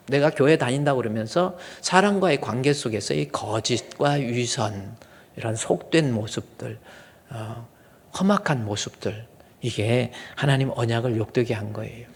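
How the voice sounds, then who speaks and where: A male pastor preaching a sermon with earnest emphasis, now and then acting out angry fathers in quoted asides. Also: mid-range voice. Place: church sanctuary. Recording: long hall reverb.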